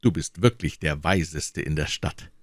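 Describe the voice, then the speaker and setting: A man reading aloud and voicing an impatient, amused king who speaks briskly and commandingly. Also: a bass voice, no room sound, clean studio sound.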